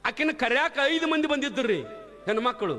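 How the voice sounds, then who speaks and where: A man's voice: very high-pitched, expressive, moderate pace, sharp tone. A male spiritual preacher who delivers a storytelling sermon, asking rhetorical questions and repeating phrases for emphasis.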